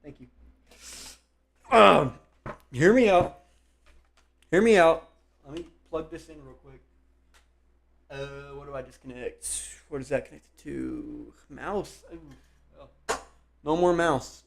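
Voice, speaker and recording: A young man chatting on a live stream from his computer desk, rambling and thinking aloud, speaking louder than his usual soft voice to project. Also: mid-range voice, slow, gravelly, long pauses. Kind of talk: casual live-stream chat.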